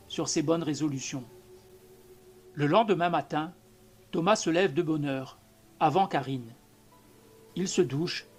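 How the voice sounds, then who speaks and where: A man reading a short story aloud as an audiobook narrator, in a measured, calm manner. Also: on the high side. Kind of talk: scripted narration.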